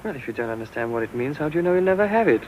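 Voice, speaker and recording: A protective young castaway, played by a man, plain-spoken and quick. The voice sits back from the mic in a hissy old film soundtrack. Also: on the high side, expressive, distant mic, highs cut off, natural voice. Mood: teasing. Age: young adult. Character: steady young castaway father, protective and reassuring. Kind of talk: 1940s film acting.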